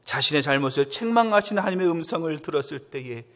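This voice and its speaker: A man preaching a Sunday sermon as pastor, acting out quotes with swings up to loud, emphatic peaks. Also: a little high, lively intonation, quick pace. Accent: Korean. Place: church sanctuary. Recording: long church hall reverb.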